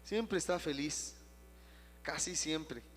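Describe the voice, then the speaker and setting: Pastor teaching in a reverberant hall. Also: male voice, fairly high pitch, takes it slowly, faint music behind. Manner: animated storytelling with emphatic repetition. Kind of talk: Bible study teaching. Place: church auditorium.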